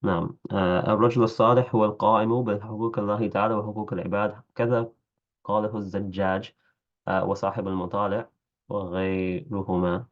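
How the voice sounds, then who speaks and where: A man with a fairly low voice reads a classical text to his class. He pauses often to explain in English and fixes his own stumbles. The recording sounds slightly dull and lo-fi. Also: little pitch movement. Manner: reads Arabic and comments in English, correcting his own slips. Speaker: teacher reading a classical Arabic text. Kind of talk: reading aloud and explaining in a class.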